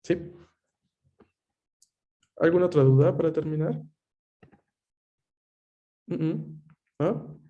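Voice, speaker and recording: A man's voice: on the high side, slow pace, pauses often, narrow, tinny audio. A man teaching an online language class over a video call, explaining patiently and checking often with his students. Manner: explanatory, frequent checking questions.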